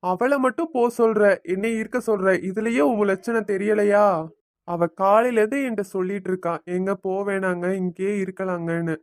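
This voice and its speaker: A woman's voice: medium pitch, moderate pace, darkish tone, no room sound, studio quality, close to an everyday voice. A woman voicing an angry grown son in a cartoon, indignant and sarcastic. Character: defiant grown son, angry and leaving home.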